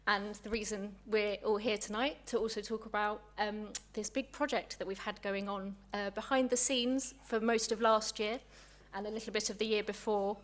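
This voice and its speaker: A woman's voice: mid-range voice, fairly even intonation, normal speed, few pauses. A young woman, a museum curator, giving a public lecture in a chatty, friendly way, a little out of breath. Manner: warm, chatty, apologetic asides. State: slightly out of breath.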